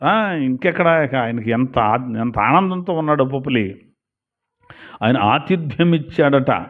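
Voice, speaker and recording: A man preaching a sermon, telling stories and acting out short dialogues as he goes. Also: measured pace. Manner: lively storytelling preacher, acts out little dialogues with shifting pitch. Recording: tinny phone-like sound.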